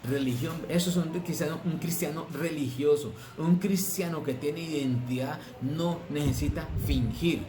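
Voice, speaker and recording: A man's voice: on the high side, normal speed, hardly any pauses. A man preaching a sermon as pastor, drawing words out for stress and asking the congregation rhetorical questions. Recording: echoey room with noise.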